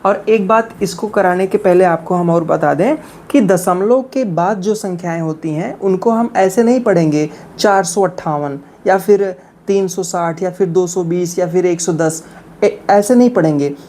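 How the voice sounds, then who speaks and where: A woman's voice: fairly low pitch, mellow, a little hiss or hum. A woman teaching a math lesson for beginners, walking through each step patiently and reading digits one by one. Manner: slow and patient, reads digits one by one, often says "ठीक है".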